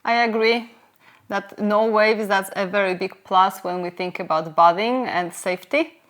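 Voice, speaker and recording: A young woman co-hosting a vlog, speaking in a calm, measured way with occasional fillers. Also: mid-range voice. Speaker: vlog co-host. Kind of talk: casual conversational vlog chat.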